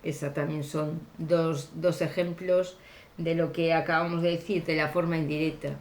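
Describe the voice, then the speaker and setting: A woman teacher explaining grammar slowly and deliberately, pausing often with fillers. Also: low-pitched, flat delivery, a little mellow, echoey room. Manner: deliberate, hesitant with frequent fillers. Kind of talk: slow classroom grammar explanation.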